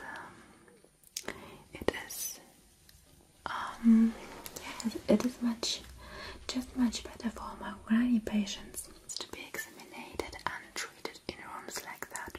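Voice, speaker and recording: A woman in an ASMR doctor roleplay, speaking in a gentle, soothing whisper. She takes her time, drawing each phrase out unhurriedly, and her voice sits a little higher than most. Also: poor audio. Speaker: ASMR creator.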